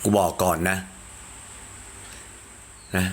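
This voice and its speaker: A man chatting casually on a live stream, crude and talkative, jumping to a higher voice when he quotes others. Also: extremely slow, slight background noise.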